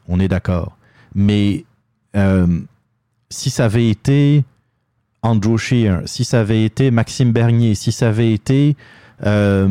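A man's voice: fairly low pitch, mellow, no room sound. Dry-voiced Québécois man commenting. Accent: Québécois French. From Quebec. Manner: hesitant, many fillers and restarts. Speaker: political commentary host. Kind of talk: opinion monologue.

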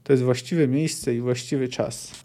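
Male podcast host, dark mellow voice, mid-pitched, reads aloud then rambles thoughtfully. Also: fairly even intonation. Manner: thinks aloud, discursive and unhurried. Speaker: podcast host reading and discussing a novel. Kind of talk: reads book passages aloud, then comments casually.

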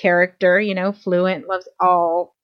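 A woman's voice: on the low side, level tone, a little slow, clean tone. A woman in casual chat as a podcast co-host, talking enthusiastically with lots of fillers. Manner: enthusiastic, chatty, many fillers. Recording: dull lo-fi sound.

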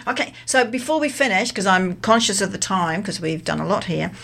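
A chatty woman hosting a campus radio talk show in a studio. She keeps the conversation going with easy, encouraging interjections, speaking at a middle pitch. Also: lively intonation, a little fast, creaky, a bit bright. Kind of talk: casual interview chat.

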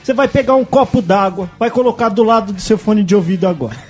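A man with a high voice banters on a podcast, crude and joking. He talks straight to the listener with easy, casual slang. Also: fast, a little mellow, faint music behind. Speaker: podcast co-host.

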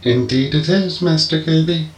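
A man's voice: a little high, moderate pace, echoey room, pitched above the performer's own voice, lightly acted, low-quality recording. A man voicing a courteous, formal male robot butler in a storybook reading. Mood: polite. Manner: courteous, formal, addresses master dutifully. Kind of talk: audiobook character voice.

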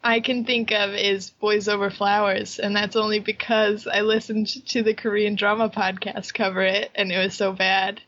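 A woman co-hosting a podcast in casual, bubbly chat, quick to laugh. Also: mid-range voice, little pitch movement, a bit bright. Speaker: podcast co-host. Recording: muffled lo-fi mic.

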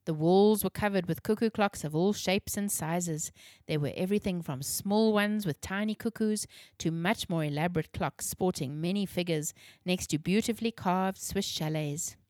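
A woman reads a children's story with clear, measured delivery. Her voice sits on the low side, and the recording is close and completely dry. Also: a little mellow, dry recording.

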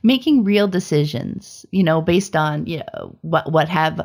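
A woman's voice: sits low, measured pace, a little mellow. Rambling woman podcast co-host. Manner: rambling, with many "you know" fillers and restarts. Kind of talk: casual podcast chat.

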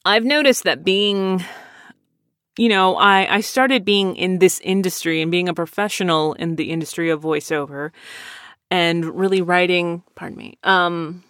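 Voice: mid-range voice, a bit bright, clear, resonant tone, dry recording, studio quality. A podcast host in their late thirties, chatting casually and answering listener questions in a self-deprecating, rambling way. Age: 30s. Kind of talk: casual chat.

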